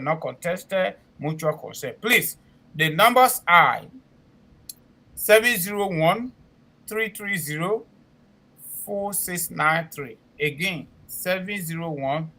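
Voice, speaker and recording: A man's voice: a little high, animated, slow, sharp tone, rough recording. A man with a West African accent making a spoken promotional announcement as a talk show co-host, emphatic and repeating himself for clarity. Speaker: co-host and immigration consultant.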